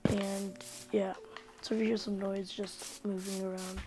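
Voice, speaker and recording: A woman talking through her gameplay in a mid-pitched voice, mostly murmuring to herself. Her words often sink into near-whispers, then jump into quick excited cries when something attacks. Loud music plays behind her the whole time. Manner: sudden excited outbursts at enemies. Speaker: gaming channel host. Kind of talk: casual gameplay commentary.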